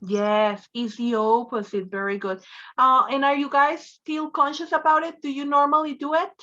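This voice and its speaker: A woman's voice: high-pitched, steady tone, moderate pace, sharp tone, dull audio. A woman English teacher giving an online class, encouraging and prompting her students with repeated questions.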